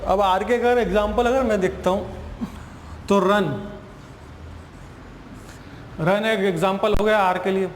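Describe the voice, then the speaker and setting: A man's voice: high-pitched, fairly even intonation, measured pace, long pauses. A male teacher giving a spoken English grammar lesson in Hindi, explaining patiently and repeating himself, often asking and answering his own questions. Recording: echoey room with long reverb and faint hiss.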